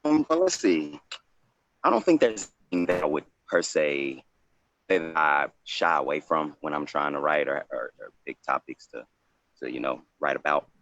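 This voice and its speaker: A man's voice: very deep voice, expressive, normal speed, fairly bright tone, no echo, dull audio. A man who is a poet, talking reflectively and informally on a panel in a loose, rambling way. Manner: loose, rambling, frequent "you know".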